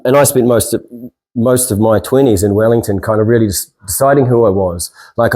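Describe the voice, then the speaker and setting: A man's voice: lowish voice, mellow, low-quality recording. A middle-aged man with a New Zealand accent giving an informal talk in a self-deprecating, rambling way, with hesitant phrasing. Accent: New Zealand, with Maori greetings. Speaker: speaker and stand-up comedian. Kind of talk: informal inspirational talk to an audience.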